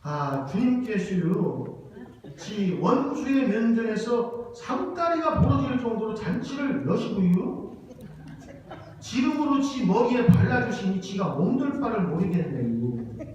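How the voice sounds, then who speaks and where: A man voicing a humble, slow-talking rural man with a Chungcheong accent. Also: high voice, darkish tone, slight background noise. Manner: drawling, humble. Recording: echoey hall from far off.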